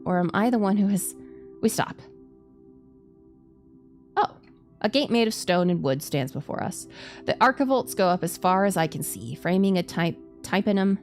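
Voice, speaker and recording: A woman's voice: lowish voice, lively intonation, moderate pace, gravelly, long pauses. A woman streamer narrating game text dramatically, sometimes stumbling over hard words and repeating them. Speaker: streamer reading a visual novel aloud. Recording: music behind the voice.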